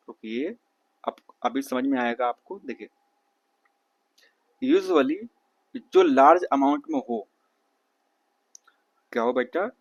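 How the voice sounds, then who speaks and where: A man teaching a science lesson, asking questions and answering them himself, calling listeners "beta" and reading English lines slowly. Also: mid-range voice. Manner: calls listeners "beta", checks "theek hai na"; reads English text slowly, then explains in Hindi. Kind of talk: exam-prep science lesson.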